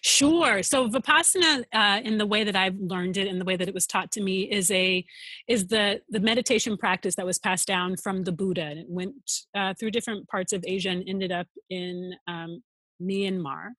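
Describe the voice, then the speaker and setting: A woman's voice: medium pitch, normal speed, bright, forceful tone, dry recording. A woman guest on a podcast, answering questions earnestly and thoughtfully, often speaking in flowing lists. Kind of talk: reflective interview answers.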